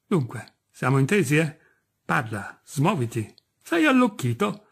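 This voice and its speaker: A man voicing a gruff, mocking old landowner in a read-aloud story, brusque and impatient, with a husky voice. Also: a little high, sing-song, measured pace, exaggerated voice. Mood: scornful. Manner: brusque and scornful, barking questions.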